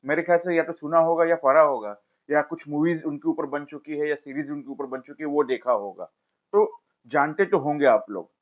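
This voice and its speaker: A man's voice: fairly high pitch, a little fast, highs cut off. A man giving a casual film review, talking straight to his viewers. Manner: chatty, addresses viewers directly, pleads to subscribe. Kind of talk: casual video review narration.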